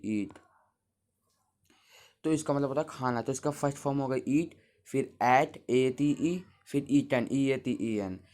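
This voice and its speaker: Male teacher, mid-pitched, patient, spells words out, talks to kids at the board. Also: a little mellow. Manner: patient, explains step by step, spells words out letter by letter; talks to the class as children. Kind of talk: Hindi grammar lesson at a board.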